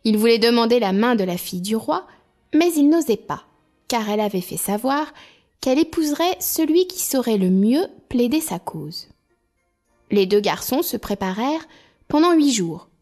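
A woman reading a fairy tale aloud as storyteller, in an expressive, lively way. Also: fairly high pitch, moderate pace, faint music behind.

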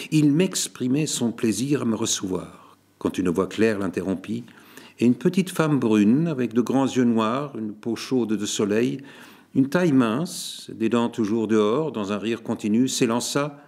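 Slow, measured male storyteller. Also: mid-range voice, darkish tone. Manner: measured, deliberate reading. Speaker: narrator. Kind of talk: literary audiobook narration.

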